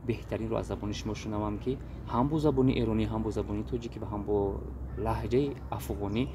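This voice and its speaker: A man's voice: fairly low pitch, fairly even intonation. Polite male interviewer, noisy recording. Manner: polite, prompting questions. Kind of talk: casual interview. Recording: clear background noise.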